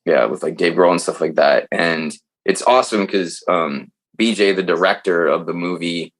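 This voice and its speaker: A man with a fairly low voice tells stories as a podcast guest in loose, casual talk. He is animated and swears freely. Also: normal speed. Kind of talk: casual chat.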